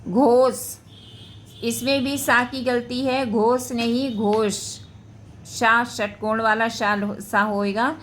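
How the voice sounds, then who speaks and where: A woman teacher talks through spelling corrections at a very unhurried pace. Her voice sits a little high and sounds bright. She names each word and says it again slowly before explaining what is wrong with it. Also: little pitch movement, slight background noise. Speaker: Hindi teacher. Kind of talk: spelling lesson for school students.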